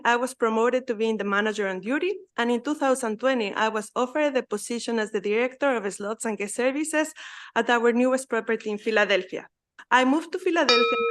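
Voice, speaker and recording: A woman's voice: fairly high pitch, fairly bright tone. A woman from Ecuador with an Ecuadorian Spanish accent, a native Spanish speaker, earnestly reading prepared testimony as a public witness.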